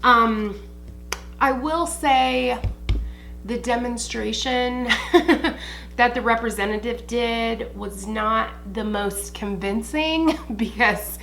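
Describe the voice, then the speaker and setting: A woman's voice: fairly high pitch, slow pace, vocal fry, fairly bright tone, slight background noise. An American woman chatting informally like a makeup tutorial host in a beauty haul review, slangy and swearing freely. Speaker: beauty vlogger.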